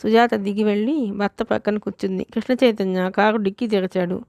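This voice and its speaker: A woman narrates a novel as an audiobook in a steady, measured way. Her pitch stays flat, and the close, dry recording has no room sound. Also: no room sound. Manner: steady storytelling, reads all parts.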